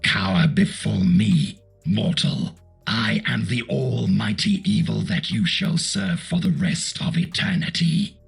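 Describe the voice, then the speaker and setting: A synthetic male voice playing a menacing, domineering demon with a deep demonic sound, speaking in slow, booming proclamations. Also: expressive, soft background music, heavily acted. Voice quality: gravelly, husky. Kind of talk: text-to-speech character demo.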